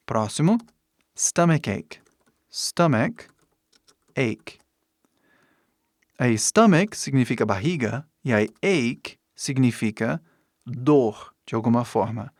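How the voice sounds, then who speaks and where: A native English speaker teaching English in an online lesson speaks Portuguese with a foreign English-speaker's accent. He teaches deliberately, pausing between short phrases and giving example sentences. His voice is medium-pitched and darkish, recorded dry at studio quality.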